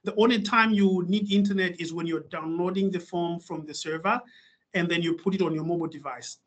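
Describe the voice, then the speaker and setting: A man from Malawi, slightly high-voiced, giving a webinar presentation over a video call. He talks in a hesitant, restarting way, full of "um" and "uh" as he explains. His tone stays informative and steady. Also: brisk. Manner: hesitant, many fillers and restarts. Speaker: guest speaker.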